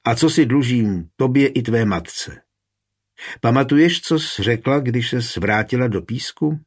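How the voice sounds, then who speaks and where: A man with a husky voice reading an audiobook, giving a stern yet caring grandmother a firm, serious delivery. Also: mid-range voice, expressive, voice pushed up.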